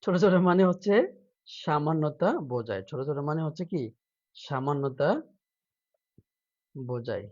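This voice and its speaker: A male teacher with a fairly high, animated, darkish voice gives a live online lesson at normal speed, pausing often, on a muffled recording. He playfully acts out a mock plea first, then quizzes students with repeated questions and urges them to answer.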